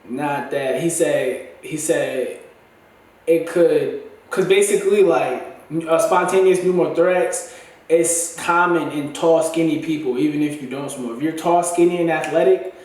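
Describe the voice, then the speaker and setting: This vlogger sounds congested and dry-throated, his fairly high, slightly mellow voice unhurried as he rambles loosely and slangily to viewers, often starting over. The mic sits far off in a room full of echo.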